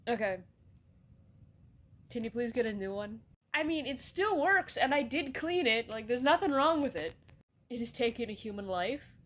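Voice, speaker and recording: High-voiced woman doing comedy sketches. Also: normal speed, pauses often. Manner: casual, swears a lot, deadpan banter. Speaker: sketch comedy creator playing all roles.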